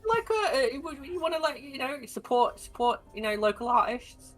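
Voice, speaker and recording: A woman's voice: high voice, very animated, moderate pace, soft background music, pitched above the performer's own voice. A woman voicing a chatty old male shopkeeper with false teeth and a lisp, rambling through his sales patter.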